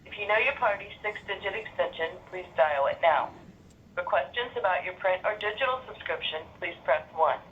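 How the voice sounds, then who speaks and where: A woman giving a recorded automated menu over a landline phone, in a slow, even, formal way. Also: fairly low pitch, slight background noise. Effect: recorded menu played over a landline phone. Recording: muffled phone line.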